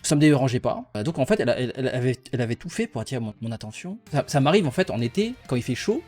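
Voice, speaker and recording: A man's voice: mid-range voice, very animated, racing, darkish tone, faint music behind. A young man casually telling a personal story to his viewers, rambling and playful, laughing often as he goes.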